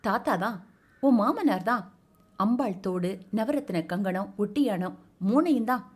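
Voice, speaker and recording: A woman's voice: mid-range voice, lively intonation, a little slow, husky. A woman voicing a short, half-mad grown man who talks like a child and babbles eagerly and insistently. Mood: eager babbling.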